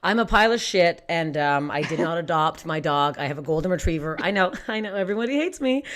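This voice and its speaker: A woman's voice: fairly low pitch, animated, fast. Young woman comic, Canadian, brash, self-mocking, laughs through her punchlines. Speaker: stand-up comedian. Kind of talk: online stand-up set. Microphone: streamed stand-up.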